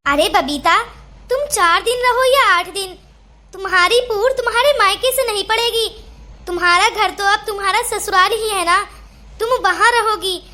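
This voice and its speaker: A playful young husband from a cartoon, joking and teasing in a voice pitched very high for a man. His tone is bright and ringing. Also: heavily acted. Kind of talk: cartoon voice acting.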